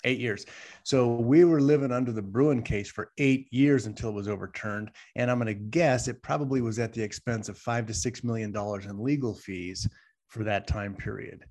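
Speaking at a normal speed in a medium-pitched, darkish voice, a man on a talk show argues emphatically. His casual, opinionated delivery is full of rhetorical questions, with "right?" coming up constantly.

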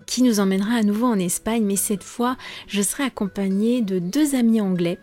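Warm-voiced woman giving a podcast lesson. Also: mid-range voice, brisk, faint music behind. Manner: calm, explanatory, with frequent fillers. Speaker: French teacher and podcast host.

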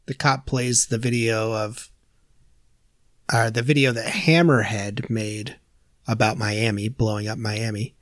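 Man briskly recapping plot, dry sound. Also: on the low side, fairly even intonation, no echo. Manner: narrates plot quickly with filler uhs. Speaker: podcast host recapping episodes.

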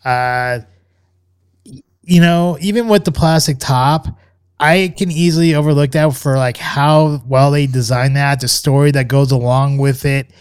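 A man speaks unhurriedly in a clean-toned, mid-range voice while co-hosting a podcast on scotch. His review is casual and rambling, relaxed but hesitant, with frequent fillers and restarts. No echo; clean studio sound.

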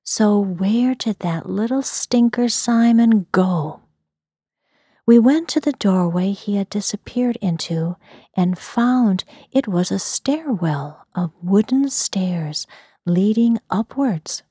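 A woman from the US Midwest telling a story in a soft, breathy whisper. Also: medium pitch, animated, slow pace, dry recording, clean studio sound.

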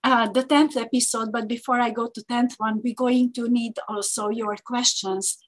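A woman co-hosting a podcast in casual chat, speaking haltingly with frequent fillers and restarts. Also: fairly high pitch, fairly even intonation, poor audio. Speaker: podcast co-host.

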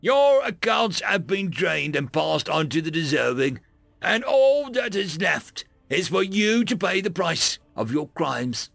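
A man's voice: high voice, measured pace, gravelly, dry recording, soft background music, voice pushed up, exaggerated voice. A man doing a cold, contemptuous hooded avenger. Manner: calm, cutting, contemptuous.

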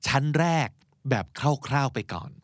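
A man's voice: moderate pace, no room sound, clean studio sound. A man hosting a podcast, teaching English vocabulary in a chatty, encouraging way and mixing in English terms. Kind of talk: casual explanatory teaching.

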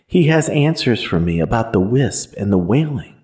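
Lively-pitched man reading a horror story. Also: moderate pace. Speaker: narrator.

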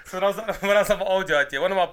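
A man's voice: sits high, quick pace, fairly bright tone. A man from London with an urban London accent, telling casual stories in heavy street slang and repeating himself. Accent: London, urban street slang style. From London, England. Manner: slangy, repetitive, sweary storytelling. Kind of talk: casual anecdote and banter.

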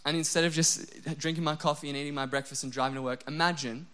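A young adult man preaching a sermon, animated and self-deprecating, dropping to a soft, low voice when he voices prayers. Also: fast talker. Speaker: pastor.

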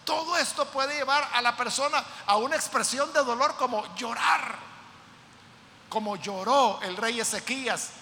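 A man's voice: very high-pitched, normal speed, hardly any pauses, sharp tone, in a large hall, slight background noise. A man preaching a sermon, explaining scripture to his congregation and checking in with rhetorical questions. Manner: explains with repeated rhetorical "¿verdad?" and addresses listeners as brothers. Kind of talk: sermon teaching on a psalm.

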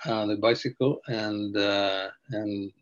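A man's voice: lowish voice, fairly even intonation, slow, muffled recording. An older man from Slovakia, a podcast guest telling his story in a meandering, hesitant way. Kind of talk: casual interview.

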